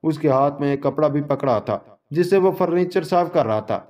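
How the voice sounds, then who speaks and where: A man giving a scripted narration of a moral story, with a steady, even storytelling delivery. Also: fairly high pitch.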